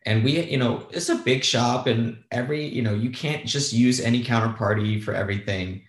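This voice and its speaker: A man's voice: medium pitch, a little fast, echoey room. A man, a guest on a talk show, telling a story casually, candid and self-deprecating, with some swearing. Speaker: guest, former bond trader.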